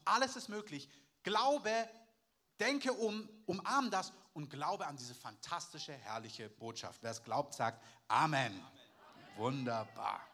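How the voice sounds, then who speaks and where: A man preaching from the pulpit. His voice sits high and sounds bright and forceful, and he presses each point home with repeated phrases and calls for amen. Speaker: pastor. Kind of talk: sermon.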